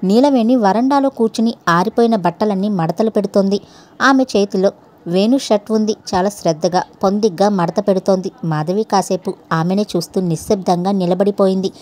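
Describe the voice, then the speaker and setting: A woman narrating a serialized story in steady, even tones. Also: mid-range voice. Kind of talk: scripted narration.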